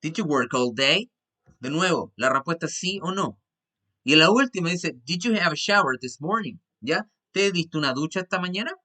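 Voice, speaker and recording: A man with a Chilean Spanish accent teaches an English class online, walking through each step patiently and often pausing to check that everyone follows. His voice is bright and a little high for a man. He drops into slow, careful English for the example sentences. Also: lively intonation. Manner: patient, repeats "¿ya?" to check understanding; switches between Spanish and slowly spoken English.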